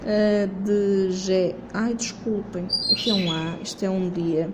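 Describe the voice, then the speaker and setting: A woman's voice: mid-range voice, steady tone, a little slow, heavy background noise. A woman teacher, going over a worksheet in a remote lesson, filming with her phone while she writes. She patiently asks questions and answers them herself. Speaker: primary school teacher.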